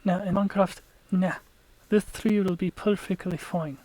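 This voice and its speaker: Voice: medium pitch, fairly even intonation, moderate pace, darkish tone, dry recording, poor audio. A let's play gamer giving casual, chatty gameplay commentary, explaining tactics to viewers and sometimes dropping to a whisper.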